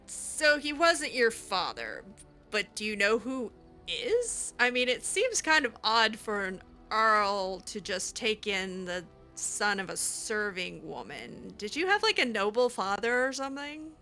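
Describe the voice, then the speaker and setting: A woman with a mid-range, bright, forceful voice hosts a game playthrough, very animated yet unhurried, with faint music behind her. She roleplays as the player character, chatting casually in character with a teasing, sarcastic edge.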